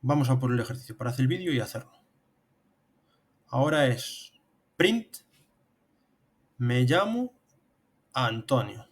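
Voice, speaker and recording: Speaking at a medium pitch, this programming instructor sounds animated yet a little slow, pausing often. He's a man in his thirties from Spain, talking through a screen demo one step at a time.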